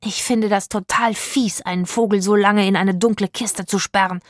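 A woman's voice: medium pitch, animated, moderate pace, dry recording, clean studio sound. Brief: indignant storybook girl, firm and plain, read by a woman narrator. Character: indignant young girl stowaway. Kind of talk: audiobook narration.

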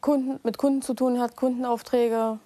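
21 yr old woman apprentice talking about her job, highish soft voice, kinda hesitant. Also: little pitch movement, moderate pace, no room sound. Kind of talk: interview answers.

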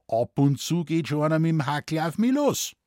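A man playing a deadpan Bavarian forest warden. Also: a little high, normal speed, no echo, studio quality, pitched above the performer's own voice. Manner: deadpan, dialect-heavy. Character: gruff old Bavarian forest warden, deadpan tall-tale teller.

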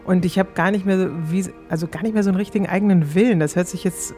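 In a rapid-fire, lowish and dark voice that holds steady, this interviewed coaching client describes what she went through, casually and with candid self-reflection. Faint music plays behind her.

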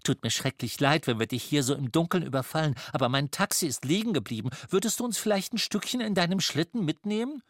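Chirpy, gushing posh older lady, lilting and quick, played by a male reader. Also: fairly high pitch, expressive, no room sound, clean studio sound, pitched above the performer's own voice, natural voice. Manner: chirpy, gushing, fast pleading. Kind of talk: audiobook character voice.

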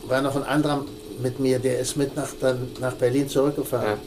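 An older man recounts his past in an interview, stopping and restarting often. His voice is gravelly. The recording has a clear layer of background noise. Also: medium pitch, level tone, a little mellow, rough recording. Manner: halting, many restarts and fillers. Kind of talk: recalled personal story.

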